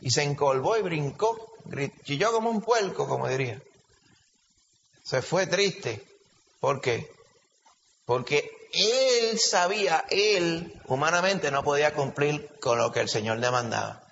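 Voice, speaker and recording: A man preaching a sermon with a Puerto Rican Spanish accent, animated and full of rhetorical questions. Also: on the high side, measured pace, gravelly, a little hiss or hum. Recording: lo-fi recording with long hall reverb.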